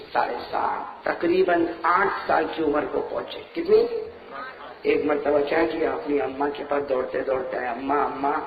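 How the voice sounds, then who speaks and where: A man preaching a sermon, telling a story and acting out its dialogue, swinging from loud calls to soft low lines and asking his listeners questions. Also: reverberant, far from the mic, a little hiss or hum, poor audio. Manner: asks the crowd questions and acts out dialogue.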